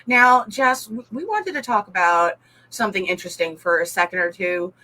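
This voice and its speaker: Bright-voiced woman co-host, casual and playful, quick to laugh. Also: mid-range voice, low-quality recording. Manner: chatty, playful, laughs often. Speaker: talk show co-host. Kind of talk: casual talk show chat.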